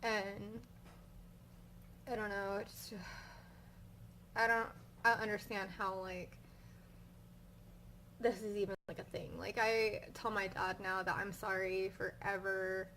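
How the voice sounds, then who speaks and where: A young woman with a migraine chats casually to her viewers, rambling and full of fillers. She vents her frustration at a mid pitch. A faint noise sits behind her voice. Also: flat delivery, unhurried, pauses often, a bit bright, low-quality recording. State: suffering a migraine. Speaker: vlogger. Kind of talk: casual storytelling vlog.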